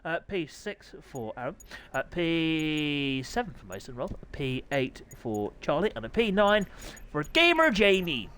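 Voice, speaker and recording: Guy calling sim races, high voice, hoarse throat, keeps clearing it. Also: a little slow, a little hiss or hum. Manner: excitable, chatty, frequent throat clearing. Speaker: sim racing commentator. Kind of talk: live race commentary.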